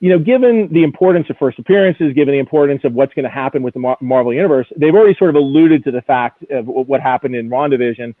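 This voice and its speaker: On a live show, a guest expert from an auction house previews collectibles, speaking fast with few pauses in a medium-pitched voice, enthusiastic and conversational. The recording is dry, with a narrow, phone-like, radio-style sound.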